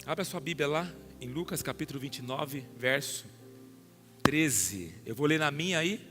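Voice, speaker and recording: A Brazilian pastor with a Brazilian Portuguese accent preaching a sermon to a congregation, questioning listeners by name and building to loud emphatic peaks. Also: male voice, fairly high pitch, animated, moderate pace, over music. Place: church hall.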